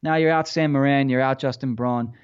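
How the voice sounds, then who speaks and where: A man's voice: medium pitch, steady tone, fairly quick, clear, resonant tone, lo-fi sound. A man co-hosting a podcast, venting in casual sports chat with exasperated rhetorical questions and heavy swearing. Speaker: podcast co-host.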